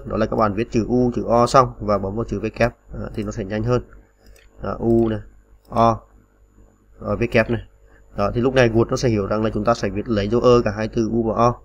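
A man's voice: lowish voice, slight background noise. A man teaching typing on a computer in a patient, step-by-step way, with many small fillers. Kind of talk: screen-recorded typing tutorial.

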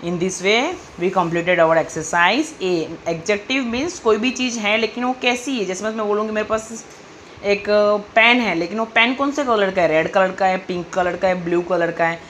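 A woman teacher explains grammar to children in a patient question-and-answer style, reading sentences slowly. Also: mid-range voice, fairly even intonation, fairly bright tone, slight background noise.

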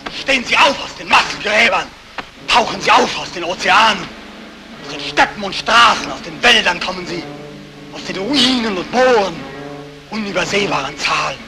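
An actor playing a haunted, sleepless young soldier with an intense, feverish, deferential military manner in a 1940s film. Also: male voice, high voice, lively intonation, normal speed, music in the background. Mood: feverish, rising. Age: young adult. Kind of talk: 1940s German film acting. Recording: hissy 1940s film soundtrack.

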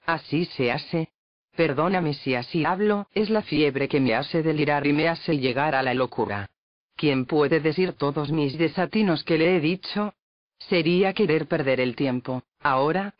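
A man reads a devotional text in a measured, reverent manner, announcing numbered entries and dates. His voice sits a little high. The recording is dull and lo-fi, with a close, dry sound and no echo. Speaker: reader. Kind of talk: devotional book reading.

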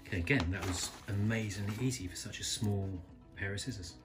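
A man calmly reviewing a small pocket knife, thinking aloud and correcting himself as he goes. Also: fairly low pitch, brisk, music in the background. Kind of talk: casual product review narration. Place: indoors at a table, filming hands close up.

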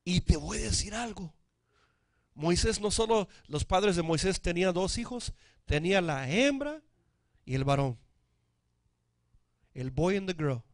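A man's voice: sits high, animated, measured pace, pauses often, no room sound, studio quality. A male pastor, preaching a sermon, calling out for amens and dropping in English words. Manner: preaching with frequent calls for amen.

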